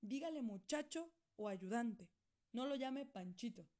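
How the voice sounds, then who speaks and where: A woman's voice: a little high, lively intonation, measured pace, a little mellow. A woman voicing a strict, authoritarian middle-aged doctor uncle in a storybook reading, formal and scolding. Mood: stern.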